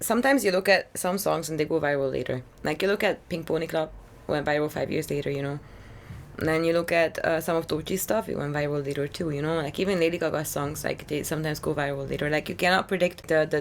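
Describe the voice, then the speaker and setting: A young woman from Hungary, a singer-songwriter guest talking casually in an interview, chatty and relaxed, full of "you know" fillers. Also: low voice, slight background noise.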